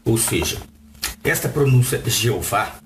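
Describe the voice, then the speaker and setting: A Brazilian-accented man reads a passage aloud, then breaks off to explain it in his own words. His pitch swings widely and he keeps asking the listener questions. The voice sounds roomy and echoey, with a faint hiss underneath. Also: measured pace. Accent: Brazilian Portuguese. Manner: lively, asks the listener rhetorical questions. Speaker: Bible reader and teacher. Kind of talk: reading a text aloud with added commentary. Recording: roomy echo with faint background noise.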